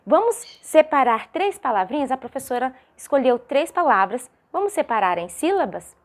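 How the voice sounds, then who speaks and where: A woman's voice: sits high, very animated. A woman primary school teacher with a Brazilian Portuguese accent, giving a recorded video lesson for young children and drawing out syllables in a sing-song way. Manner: slow, sing-song, drawn-out syllables with many rhetorical questions.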